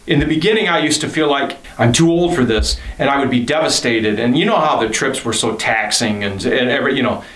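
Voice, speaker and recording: A man's voice: medium pitch, expressive, quick pace, few pauses, fairly bright tone, echoey room, poor audio. A man in his fifties who leads a band, speaking earnestly and reflectively about faith and his home studio, often repeating himself. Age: 50s. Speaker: band leader and studio owner. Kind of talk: reflective documentary interview.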